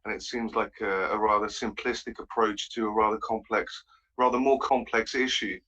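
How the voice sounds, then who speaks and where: Hesitant caller from the Netherlands, bright lo-fi sound. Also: male voice, lowish voice, fairly even intonation. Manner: hesitant, halting, many ums and restarts. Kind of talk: casual call-in chat. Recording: dull lo-fi call audio.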